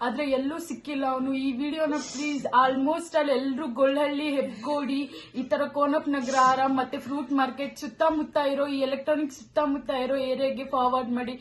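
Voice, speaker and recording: A woman's voice: high voice, steady tone, brisk, echoey room, poor audio. A young woman from Karnataka, the sister of a missing man, earnestly asking listeners for help. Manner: earnest, pleading.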